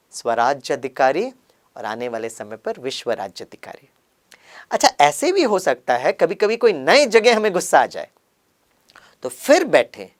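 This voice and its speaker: A man giving a sermon as a story, acting out dialogue and dropping English words into his talk. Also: fairly high pitch. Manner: acts out dialogue in lively voices; mixes English words into Hindi. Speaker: spiritual speaker.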